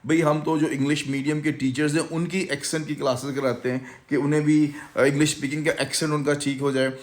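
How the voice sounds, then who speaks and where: A man's voice: on the high side, level tone, fast. A man with a Pakistani Urdu accent, an English course instructor giving a confident, salesy promotional talk that mixes in English words. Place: language institute.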